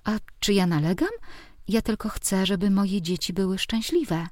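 A woman's voice: medium pitch, animated, moderate pace, a little mellow, dry recording, studio quality, natural voice. A woman voicing a bossy, meddling mother who scolds and fusses at her grown children. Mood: fussing. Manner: scolding, insistent, fussing.

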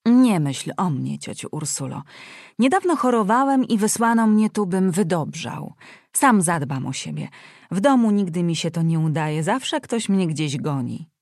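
A woman doing a wry young gentleman, politely ironic, lowish, dry close sound. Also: lively intonation, unhurried, no echo.

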